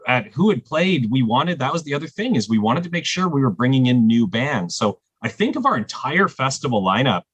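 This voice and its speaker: A man who programs a music festival, chatting on a podcast and telling excited stories with animated quoted dialogue. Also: mid-range voice, a little fast, few pauses, husky, dry recording. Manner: excited storyteller, lively acted-out quotes. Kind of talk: casual podcast conversation.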